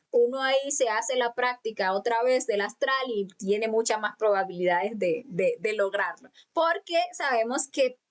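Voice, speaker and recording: Woman spiritual teacher, slightly high voice, patient, drawn-out chanting, online lecture. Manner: calm, patient instruction with drawn-out chanted syllables; speaks directly to students, many fillers and restarts. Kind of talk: live online lecture on mantras. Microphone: computer mic for video conference.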